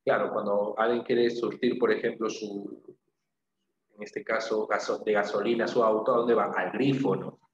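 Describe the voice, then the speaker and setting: A man's voice: lowish voice, fairly even intonation, normal speed, echoey room, lo-fi sound. A man from Peru with a Peruvian Spanish accent teaching a language class, explaining step by step and repeating key phrases, often checking in with "¿no?" and "¿ok?". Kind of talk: classroom lecture.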